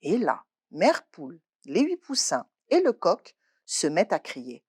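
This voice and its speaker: A woman librarian reading a children's picture book aloud with expressive storytelling. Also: fairly low pitch, slightly rough. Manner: expressive, slow, lively delivery.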